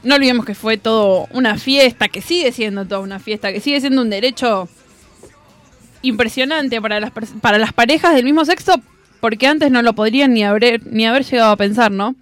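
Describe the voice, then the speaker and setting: A woman with a Rioplatense accent hosting community radio, talking in a relaxed conversational way. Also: a little high, a little fast, faint music behind. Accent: Rioplatense Spanish. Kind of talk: casual radio talk.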